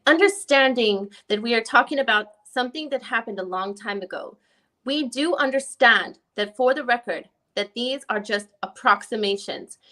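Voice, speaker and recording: Her tone bright and forceful, a little high, a woman reads the part of an attorney in a dramatized deposition. Each question comes out formal, deliberate, and searching.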